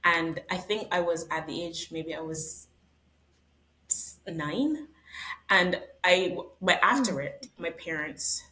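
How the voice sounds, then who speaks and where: A low-pitched woman from Barbados, speaking as an interview guest. She is thoughtful and measured, pausing often as she reflects on her answers. Her tone stays soft-spoken and unhurried. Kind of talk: reflective conversation.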